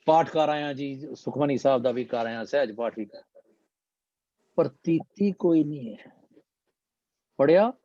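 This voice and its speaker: A man teaching and explaining scripture in a slow, deliberate manner, slipping English phrases into his talk. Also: medium pitch, dark tone, no room sound, dull audio. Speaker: Gurbani teacher.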